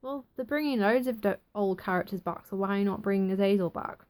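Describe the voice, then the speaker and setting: A young woman giving a chatty, excitable casual review of a TV episode. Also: medium pitch, a little fast. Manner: chatty, excitable, acts out quotes.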